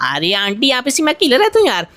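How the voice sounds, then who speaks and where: Woman doing a cheeky high cartoon boy. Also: wildly swooping pitch, racing, fairly bright tone, exaggerated voice. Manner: cheeky, talks back. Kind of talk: fan-made game machinima voice acting.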